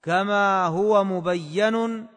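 A man teaching a class on a classical text in a measured, scholarly way, repeating phrases slowly as if for dictation. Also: high-pitched, a bit bright, big-room sound. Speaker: teacher of hadith commentary.

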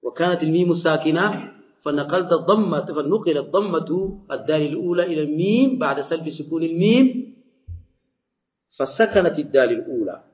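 A man teaching a classical Arabic morphology lesson, explaining slowly and deliberately with frequent restarts. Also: fairly high pitch, animated. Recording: dull lo-fi recording.

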